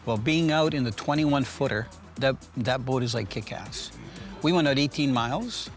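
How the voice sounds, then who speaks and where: A man's voice: mid-range voice, moderate pace, soft background music. A man hosting a fishing show, chatting casually and teasing his guest over a meal. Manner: joking, teasing, talks while eating.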